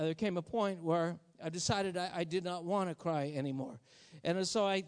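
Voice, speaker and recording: A man preaching a sermon, halting and repeating words at times, then building to impassioned exhortation. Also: high-pitched, clear, resonant tone, big-room sound.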